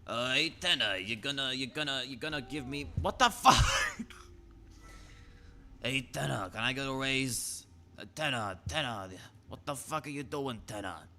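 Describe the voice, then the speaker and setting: A man's voice: medium pitch, animated, unhurried, bright, forceful tone, a little hiss or hum, voice pushed up, exaggerated voice. Man doing a pushy mobster guy. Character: gruff male mobster type, pushy.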